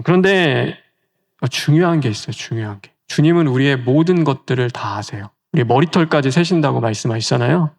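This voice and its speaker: Man preaching with rhetorical questions. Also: medium pitch. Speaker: pastor. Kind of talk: sermon.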